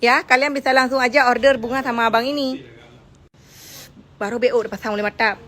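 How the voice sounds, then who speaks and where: High, bright Acehnese woman ranting comically. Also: fairly even intonation, a little fast. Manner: exaggerated complaining, mixing local dialect. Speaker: social media comedian. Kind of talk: comic vlog rant.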